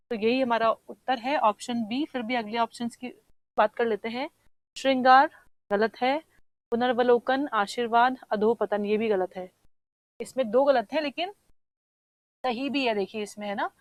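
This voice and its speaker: A Hindi teacher with a fairly high voice works through an exam paper, patiently explaining each answer, checking that students follow, and sounding tricky words out slowly. The recording is rough, dry, and close, with no room sound.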